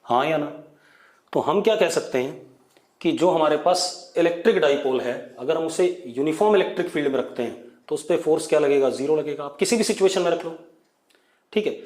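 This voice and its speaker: A man's voice: a little high, brisk, darkish tone, roomy sound. A man teaching a physics class online, asking students questions and repeating key words as he writes. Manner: mixes Hindi with English dictation.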